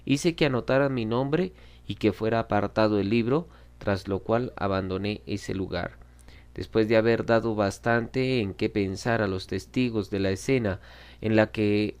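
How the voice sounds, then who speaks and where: A man reading a classic novel aloud in a measured, dramatic storytelling manner. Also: fairly low pitch, a little mellow, smooth. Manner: measured, dramatic reading, voicing quoted lines. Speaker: audiobook reader. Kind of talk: scripted narration of a classic novel.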